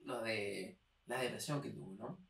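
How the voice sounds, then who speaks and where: A man's voice: lowish voice, moderate pace, gravelly, fairly bright tone. A young man co-hosting a casual literary podcast, often agreeing with "claro" and reading short passages aloud. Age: young adult. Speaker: podcast co-host. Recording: roomy echo, mic at a distance.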